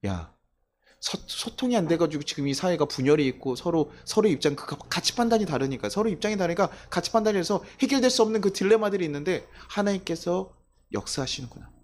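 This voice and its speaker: A man's voice: high voice, quick pace. A male pastor preaching a Sunday sermon in a church, acting out the voices of people in his stories. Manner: animated, acts out quoted voices of people. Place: church sanctuary.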